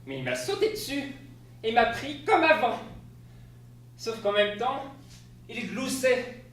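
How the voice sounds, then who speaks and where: A man's voice: fairly high pitch, a bit bright. A man on stage playing a flustered spouse who tells an absurd tale in a comic theatrical monologue. He delivers it in an exclamatory way and laughs through his lines. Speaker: stage actor. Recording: echoey stage, distant mic, faint hiss.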